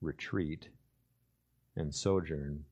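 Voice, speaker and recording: Preaching in a rumbling low voice that's steady with a breathy edge, this pastor swings from loud fervor to quiet, drawn-out emphasis. He acts out the voices of biblical characters while recounting the story.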